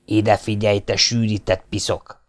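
A coarse, bullying legion sergeant from an audiobook , voiced by a male reader, blustering and hurling insults in a rough manner. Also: on the low side, flat delivery, lightly acted. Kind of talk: audiobook character voice.

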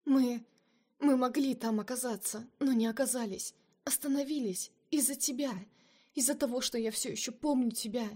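A desperate young heroine pleads in a raised, emotional voice, pitched noticeably above the reader's own. A woman reader puts her on for an audiobook of a romance novel. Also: fairly even intonation, normal speed, dark tone, slightly rough. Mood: pleading. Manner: pleading, emotional, breaking into cries.

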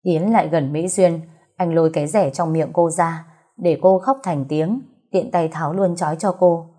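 Low mellow woman narrating a romance story. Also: normal speed, breathy edge.

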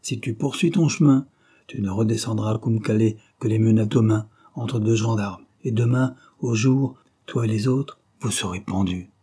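A man's voice: mid-range voice, normal speed, warm tone, slightly rough. A man voicing a jealous man who threatens and blackmails a young woman, in a hard, mocking tone. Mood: threatening.

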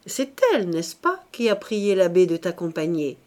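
A woman's voice: fairly low pitch, expressive, normal speed, a little mellow, close to an everyday voice. A woman voicing an irritable, suspicious middle-aged husband who nags and accuses in an audiobook reading. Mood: suspicious, prying. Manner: heated, nagging, accusing.

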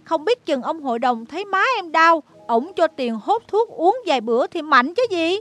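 A kind young girl in a storybook reading, voiced by a man in a high, soft falsetto. She speaks gently. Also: lively intonation, moderate pace, exaggerated voice. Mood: soothing. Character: kind older girl, comforting and hushed.

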